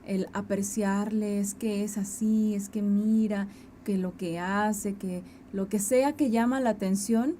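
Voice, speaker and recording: A woman co-hosting a faith teaching program, speaking earnestly and acting out quick quoted asides. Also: medium pitch, fairly even intonation, mellow, slight background noise. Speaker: co-host. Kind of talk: conversational teaching.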